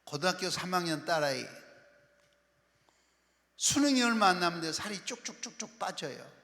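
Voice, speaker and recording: A man pastor leading a sermon, singing a hymn with sharp shouted breaths and calling the congregation to say amen. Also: sits high, lively intonation, moderate pace, creaky. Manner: sings a hymn with sharp exhaled shouts between lines; preaching, calling out for loud amens. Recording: long hall reverb with faint music.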